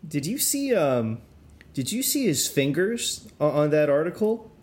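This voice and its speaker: A man hosting a podcast with casual talk-show patter and a halting delivery. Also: fairly high pitch, very animated, a little mellow. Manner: halting, addresses listeners as folks. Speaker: podcast host.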